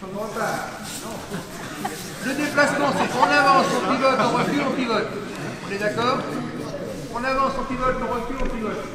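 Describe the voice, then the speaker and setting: A man's voice: very high voice, moderate pace, pauses often, over a noisy crowd. Man calling drills in an echoey gym. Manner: calls out drill commands, often shouting. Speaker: aikido instructor. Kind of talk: teaching a group class on the mat. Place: large gymnasium. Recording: echoey gym from far off, with noise.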